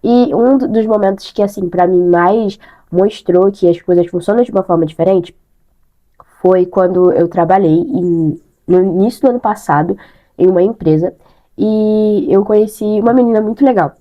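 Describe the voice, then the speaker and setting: A woman's voice: mid-range voice, normal speed, muffled recording. A young Brazilian woman with a stuffy nose and a bad throat from sinusitis, chatting casually to camera and repeating words for emphasis. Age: young adult.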